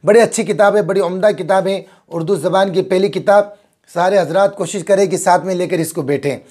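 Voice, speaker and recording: A man's voice: high-pitched, fairly quick, a little mellow, slightly rough. A man teaching a reading lesson, spelling out letters and drilling words one at a time, closing with religious courtesy phrases.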